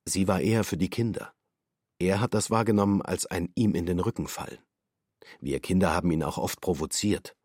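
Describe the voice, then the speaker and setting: A man's voice: sits low, a little fast, darkish tone, no echo, studio quality. An actor playing a male defendant in his thirties, giving clipped, terse testimony in a documentary radio drama.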